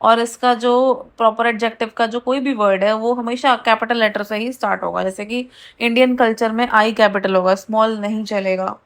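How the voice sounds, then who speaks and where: Woman teacher with an Indian accent and a higher-pitched voice. She reads the rules out slowly and explains them briskly. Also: fairly even intonation. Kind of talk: grammar lesson in Hindi and English.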